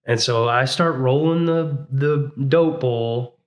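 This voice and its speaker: A man's voice: mid-range voice, slow. A man in his thirties, a podcast guest, casually telling his story with lots of fillers and acted-out quotes. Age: 30s. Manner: rambling, fillers like "you know what I'm saying"; acts out his own past words in a raised voice.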